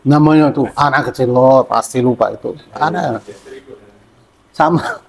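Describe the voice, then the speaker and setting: A man's voice: medium pitch, a little slow, vocal fry, husky. A man giving a religious study lecture in a conversational, wry way, asking and answering his own questions. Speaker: religious teacher.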